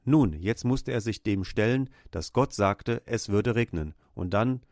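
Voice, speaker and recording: A man's voice: fairly low pitch, expressive, measured pace, darkish tone, no echo, studio quality. A man preaching a sermon with emphatic, repeated exclamations.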